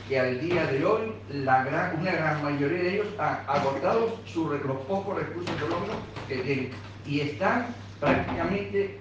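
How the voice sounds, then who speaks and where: Male association spokesman, slightly raised pitch, insistent formal appeal, far from the mic. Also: dull audio. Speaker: pensioners' association representative. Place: meeting room in parliament. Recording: echoey room, recorded from far off, noisy.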